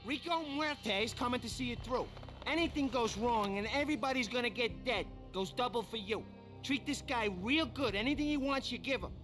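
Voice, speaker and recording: A jittery gangster henchman with an extremely high voice. He is emphatic, cartoonish and theatrical, over some music. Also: fairly quick, fairly bright tone. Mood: agitated. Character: high-strung, jittery male mobster henchman. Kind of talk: cartoonish gangster game acting.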